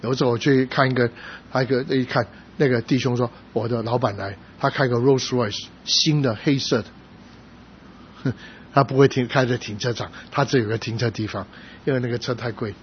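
A middle-aged male pastor preaching a sermon, telling stories with sudden loud emphatic rises. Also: mid-range voice, fairly even intonation, fairly quick. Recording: slightly dull sound with faint noise.

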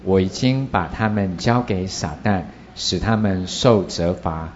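A man reading scripture aloud in a slow, measured way. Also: sits low, highs cut off, slight background noise.

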